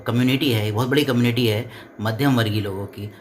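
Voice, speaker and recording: Man, mid-pitched, earnest and rambling, casual home vlog chat, faint noise. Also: fairly even intonation, fast talker. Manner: rambling, earnest, explains at length with restarts. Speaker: vlogger, co-host. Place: living room at home.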